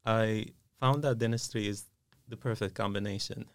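Low, gravelly man. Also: steady tone, normal speed, dry recording, studio quality. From Syria. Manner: hesitant, many fillers. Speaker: dentist, guest. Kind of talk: casual interview. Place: podcast studio.

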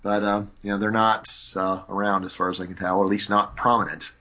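On a lo-fi recording, a man argues his views at length as a guest in a conversational interview, full of "you know" and "like." His voice is on the low side with little pitch movement, bright and forceful. He speaks fairly quickly.

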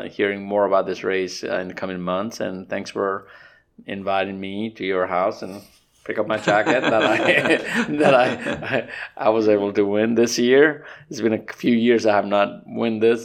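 A man from Nepal, hosting a casual podcast interview in a halting way, with many fillers and restarts. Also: fairly low pitch, creaky. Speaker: podcast host.

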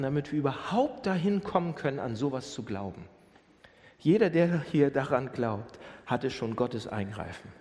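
A man preaching a sermon, asking rhetorical questions, repeating phrases and rising to near-shouts at his strongest points. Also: mid-range voice. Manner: animated, rising to near-shouts when voicing Jesus. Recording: long hall reverb.

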